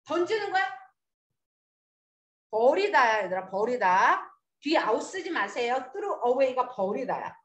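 A woman's voice: sits high, sing-song, takes it slowly, pauses often, a bit bright. A woman teaching an English lesson to a class. She coaxes the students along and drills them with questions. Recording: echoey classroom.

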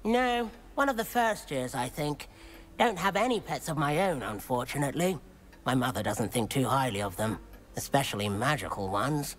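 A man's voice: mid-range voice, lively intonation, moderate pace, fairly bright tone, lightly acted. A man voicing a cheerful, welcoming teenage wizard student in a video game, with a British accent. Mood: chatty, friendly. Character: friendly, enthusiastic teenage male wizard student.

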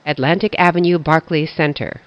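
A woman giving recorded stop announcements over a train loudspeaker, with measured, evenly spaced phrasing. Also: low-pitched, steady tone. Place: inside a subway car. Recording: muffled train speaker with faint car noise.

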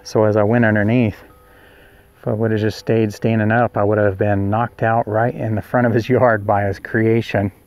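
Speaking in a low, darkish voice with little pitch movement and no echo, this man keeps a normal pace. He's an Oklahoma vlogger giving a casual, chatty walking tour of a rural yard at a roadside attraction, narrating as he goes and recording outdoors on a handheld camera.

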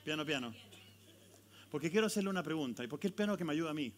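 A man with a Chilean accent, a pastor preaching a sermon and leading an altar call, swinging from loud questions to hushed, intimate tones. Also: fairly high pitch, lively intonation, racing, a little hiss or hum. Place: church sanctuary. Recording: live church sound with loud guitar music behind. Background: guitar music.

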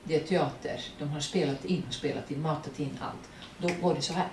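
A woman with a Serbian accent and Serbian as her first language, speaking as the guest at a public artist talk, animated, laughing often and searching for words. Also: low voice. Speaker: guest actress. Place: print workshop event room. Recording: roomy, distant mic, faint noise.

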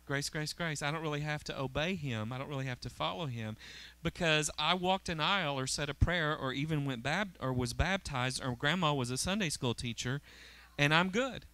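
A middle-aged pastor preaches at normal speed in a fairly high, bright and forceful voice. Indoors on a church auditorium stage with a handheld microphone, he keeps the sermon conversational and often checks in with those listening.

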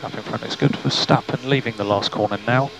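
Gravelly race engineer on team radio. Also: male voice, medium pitch, fairly quick, soft background music. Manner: calm, terse radio calls of gaps and instructions. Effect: team radio to the driver's car.

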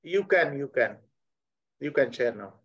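A man's voice: medium pitch, lively intonation, measured pace, fairly bright tone. A man moderating an online panel in a formal way, with "uh" fillers. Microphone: video call. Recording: dull lo-fi call audio.

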